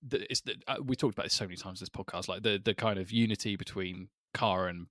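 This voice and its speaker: Male co-host, lowish voice, chatty and wry. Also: fast, a bit bright, no echo, studio quality. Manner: chatty, self-deprecating, laughs often. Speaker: podcast co-host. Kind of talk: casual chat.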